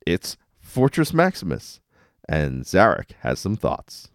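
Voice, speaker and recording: Recapping episodes in a fairly low, creaky voice, a male podcast host speaks slowly and casually. His wry, very animated delivery leans on playful dramatic emphasis, and the recording is dry with no echo or room sound.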